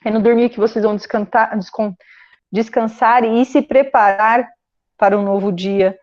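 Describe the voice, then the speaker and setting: A Brazilian woman psychologist giving a relaxed career guidance talk to students, often ending phrases with a questioning "né?". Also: fairly high pitch, normal speed, highs cut off. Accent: Brazilian Portuguese. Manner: conversational, frequent "né?" tag questions.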